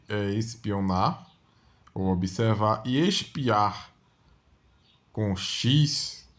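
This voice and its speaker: Guy teaching grammar, slow, lowish voice, keeps saying né. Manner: explains slowly with frequent "né?" checks. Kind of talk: exam-prep grammar lesson.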